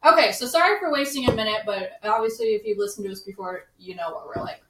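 A woman's voice: mid-range voice, quick pace. A woman co-hosting a casual real estate podcast. She teases the others and keeps steering the talk back to the topic. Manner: teasing, steers the conversation back on track. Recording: echoey room, distant mic, faint noise.

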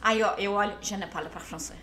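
A woman from Brazil chatting casually, telling lively stories, acting out quoted dialogue and laughing often. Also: mid-range voice, quick pace, slight background noise. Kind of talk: casual chat.

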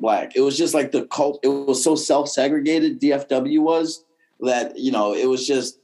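A man talks in a casual conversation with a mild Boston accent. His voice sits at a middling pitch. He is blunt and sweary, and rambles as he goes. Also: a little mellow. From Boston, United States. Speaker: podcast guest, comedian and former bike messenger.

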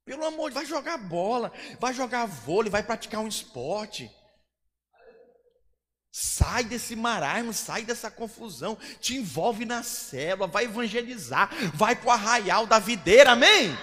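A pastor preaches a Pentecostal sermon, dropping to soft, close asides and then rising to shouted declarations. His voice is high for a man. A long reverb from the church hall trails behind his words. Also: expressive, unhurried.

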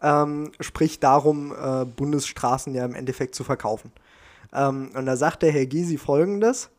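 A man's voice: medium pitch, normal speed. A young man chatting casually as a podcast co-host, laid-back and joking, dropping English slang. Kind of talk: casual chat.

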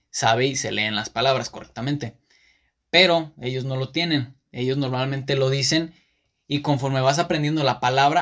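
A man's voice: medium pitch, fairly bright tone. Man, Mexican Spanish accent, podcast host, casual monologue, rambling, self-correcting, lots of fillers.

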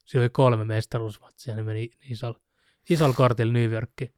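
A man's voice: mid-range voice, a little hiss or hum. Chatty man telling a story. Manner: animated storyteller, mimics shouting with laughs. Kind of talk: casual chat about fighting sports.

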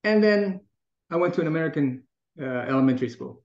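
This guest, a middle-aged Taiwanese man, is animated and a little fast, his slightly high voice carrying a darkish tone. He approaches the casual interview thoughtfully, restarting his sentences a lot and laughing without effort. The sound is lo-fi and dull, in an echoey space.

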